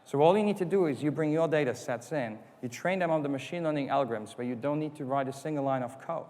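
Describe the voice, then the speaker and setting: A conference speaker whose first language isn't English delivers a keynote in a conference hall, explaining step by step, asking rhetorical questions and acting out customer quotes. His voice is a little high and darkish in tone, and he talks fast. Hall reverb colors the recording.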